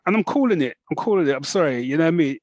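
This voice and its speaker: A man with a slightly high but darkish-toned voice talks rapid-fire and expressively as a podcast co-host, with no room sound. He chats casually and enthusiastically, rambling with many restarts.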